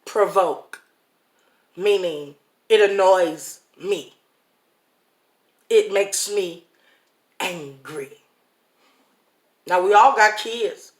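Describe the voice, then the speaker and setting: This is a speaker giving a casual devotional talk, unhurried and folksy, often breaking into a chuckle. The pace is slow and drawn out. The recording is roomy and echoey. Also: mid-range voice. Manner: folksy, chuckling, talks straight to viewers. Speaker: online inspirational speaker. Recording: roomy echo.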